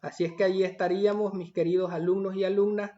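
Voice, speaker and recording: A man's voice: sits high, little pitch movement, quick pace, warm tone, highs cut off. A male teacher patiently explaining a language worksheet to his pupils, reading items aloud and then explaining them. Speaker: primary school teacher.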